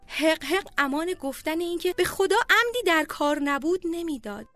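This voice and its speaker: High-voiced woman narrating a memoir. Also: expressive, fairly bright tone, no echo. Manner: heartfelt, measured reading. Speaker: storyteller. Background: faint music.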